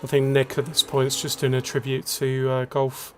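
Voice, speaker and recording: A man calls an online racing league in an easy, chatty way, running through positions and penalties. His voice sits at a middling pitch. There is faint noise in the background. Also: completely flat delivery, normal speed, darkish tone. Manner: chatty, laughs along, lists penalties. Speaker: race commentator. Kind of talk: casual sim racing commentary.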